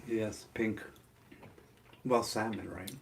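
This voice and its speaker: A man co-hosting a mukbang, chatting casually over food in halting, trailing phrases. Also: fairly low pitch, steady tone, vocal fry, a little hiss or hum. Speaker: mukbang co-host. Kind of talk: casual chat while eating.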